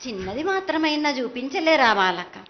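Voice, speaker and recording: A woman's voice: sits high, big pitch swings, normal speed, soft background music. A woman speaking as a mother goddess in a prophetic trance at a festival ritual, chanting insistent, repeated phrases in reproach and demand. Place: live temple festival ritual. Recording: dull lo-fi live broadcast sound.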